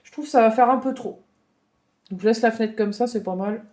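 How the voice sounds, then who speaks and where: A woman giving a gentle, chatty drawing lesson for children, thinking aloud as she tells a story. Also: on the high side, fairly quick.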